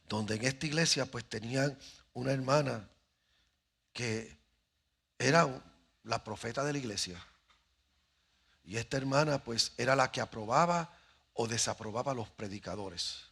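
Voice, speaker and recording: A man's voice: mid-range voice, animated, unhurried, gravelly, long pauses, a bit bright, slightly rough. A middle-aged man, preaching as a pastor and telling a story with dramatic pacing. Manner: dramatic, acts out voices in his stories. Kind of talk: sermon with storytelling. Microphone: handheld microphone. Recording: faint music behind the voice.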